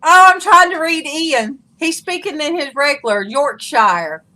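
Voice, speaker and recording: A woman's voice: sits high, animated, measured pace, sharp tone. A woman with a Southern US accent and a drawling delivery, chatting casually as the host of a live show.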